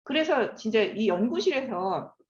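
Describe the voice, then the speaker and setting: Animated woman in her fifties lecturing. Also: on the high side, a little slow. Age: 50s. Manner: animated, asks the audience questions. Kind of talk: classroom lecture. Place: lecture room. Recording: echoey room, slightly dull sound.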